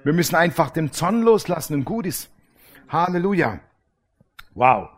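A middle-aged male preacher giving a casual sermon, animated and colloquial, acting out the voices of people in his stories. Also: on the high side, normal speed. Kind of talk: sermon with anecdotes.

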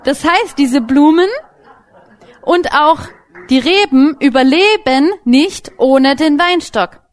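A young woman giving an informal sermon as a Bible teacher, lively and casual, speaking directly to her listeners. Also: high-pitched, slow pace.

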